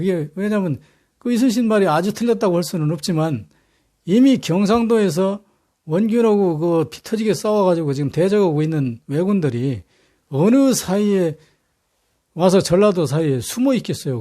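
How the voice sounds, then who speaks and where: Guy telling history stories, casual and blunt, lots of uh's, kinda high mellow voice. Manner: colloquial, blunt, peppered with fillers and rough language. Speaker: history lecturer. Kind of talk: casual storytelling lecture.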